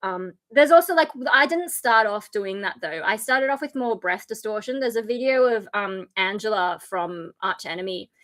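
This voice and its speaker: A woman with a mid-range, fairly bright voice talks animatedly at a normal pace, barely pausing. She's a tired streamer and metal vocalist, her voice worn down to fry, chatting casually about screams. She explains loosely with plenty of fillers and breaks into harsh unvoiced scream demos.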